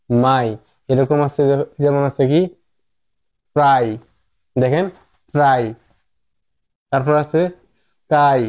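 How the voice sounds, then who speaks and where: A man, an English teacher giving a slow phonics lesson, repeating words and asking rhetorical questions. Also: mid-range voice, darkish tone.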